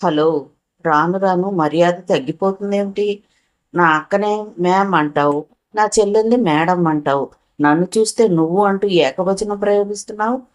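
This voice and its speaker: A woman's voice: on the low side, normal speed, close to an everyday voice. Woman voicing a stubborn rich young lady. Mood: insistent. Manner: demanding, pressing questions.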